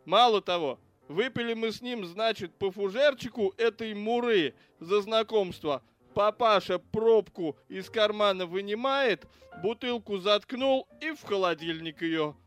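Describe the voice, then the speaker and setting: High-voiced and crude, this is a foul-mouthed cop, read by a man who rants and swears without pause. Faint music plays beneath the audiobook reading. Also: a bit bright, clean tone. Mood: ranting. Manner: crude, ranting, cursing. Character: foul-mouthed grudging adult male cop.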